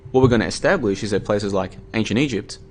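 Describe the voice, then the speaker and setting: A man's voice: lowish voice, fast talker, darkish tone. An Australian man talking casually on his livestream, argumentative and tired, with many fillers and restarts. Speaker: livestream host. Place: home room.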